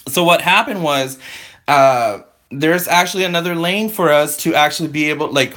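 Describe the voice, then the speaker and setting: A man's voice: fairly high pitch, sharp tone. A man on a couponing live stream, telling a long story in a rambling, exasperated way and circling back with "I'm like" and restarts.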